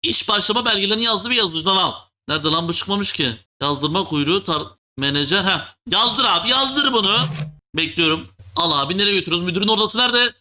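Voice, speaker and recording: A man hosting a gaming video, joking and teasing as he plays, full of slang and often dropping into a low mock voice. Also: expressive, fairly quick, pushed and bright. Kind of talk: joking let's-play commentary.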